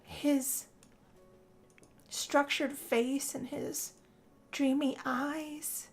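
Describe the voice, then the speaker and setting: Very slowly and with a flat delivery, a high-voiced woman narrates in first person as a young heroine worn out and lovesick. She sighs breathily and dramatically, and music plays underneath.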